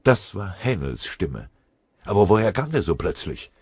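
A man reading a history audiobook in scripted, measured, dramatic narration. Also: low voice, sing-song, a little mellow, husky, no room sound, clean studio sound.

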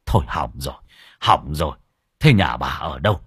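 Brief: a man playing a stern old monk, deep and husky, urgent and ominous. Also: animated, moderate pace, fairly bright tone, no room sound, clean studio sound, exaggerated voice. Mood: alarmed. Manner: grave, urgent warnings. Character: grave old Buddhist monk exorcist.

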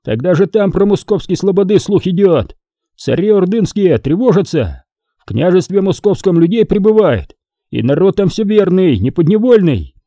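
A male narrator voicing a boastful, gruff former outlaw who shouts down nobles and rouses peasants in an audiobook. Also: sits high, sing-song, moderate pace, no echo, clean studio sound, voice pushed up. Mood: rousing. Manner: blustering, shouting and mocking.

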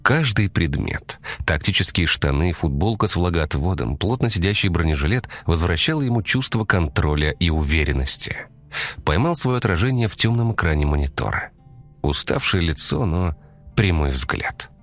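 A man reading a thriller audiobook in a measured, dramatic storytelling manner. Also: low voice, lively intonation, soft background music. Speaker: narrator. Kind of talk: scripted audiobook narration.

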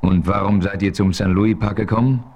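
In a 1970s radio play, a man in his natural voice plays a deep-voiced frontier hero, a seasoned narrator recounting his own adventure. He sounds firm, calm, measured and authoritative.

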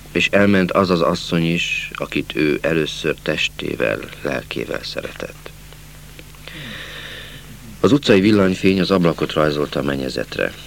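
A man reading a literary novel aloud as an audiobook narrator, slow and measured, dropping to a hush at sad passages. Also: a bass voice, gravelly, slight background noise.

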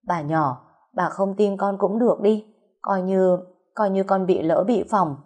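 A woman's voice: mid-range voice, unhurried, a little mellow, lightly acted. A woman with a Southern Vietnamese accent voicing a scheming young woman who stammers and pities herself. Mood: self-pitying. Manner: stammering, self-pitying.

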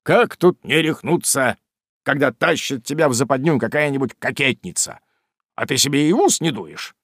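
A man voicing old Mr Weller, an elderly father who scolds and laments over his son in a loud, slow, emphatic way. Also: mid-range voice, lively intonation, dry recording, studio quality. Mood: lamenting.

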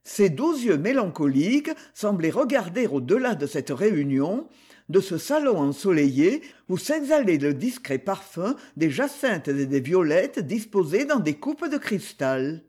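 A man narrating a novel aloud as an audiobook reader, in a measured, expressive way. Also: high-pitched, breathy edge. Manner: slow, expressive reading.

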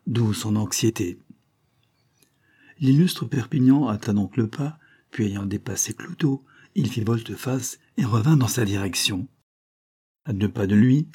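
Low, husky man narrating an old novel. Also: dark tone. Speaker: audiobook reader. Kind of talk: scripted narration of a serial novel.

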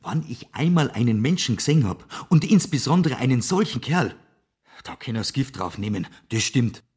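An actor playing a plump, self-important male police witness in a radio drama, husky, with an emphatic, insistent manner. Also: mid-range voice, very animated, moderate pace, darkish tone.

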